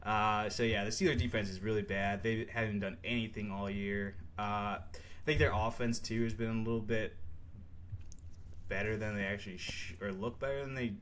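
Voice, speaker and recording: A man's voice: fairly low pitch, steady tone, a little fast, a bit bright, slight background noise. A young man co-hosting a sports podcast, chatting casually and rambling with lots of fillers and laughs. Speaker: podcast co-host.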